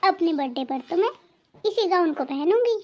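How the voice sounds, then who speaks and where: A woman voicing an eager young married daughter in a cartoon family drama, talking in a chirpy, excited way. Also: very high voice, moderate pace, slight background noise.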